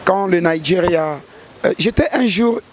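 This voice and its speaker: Animated yet unhurried, his high-pitched voice belongs to a gospel singer from DR Congo being interviewed. He answers earnestly but hesitantly, restarting his sentences again and again.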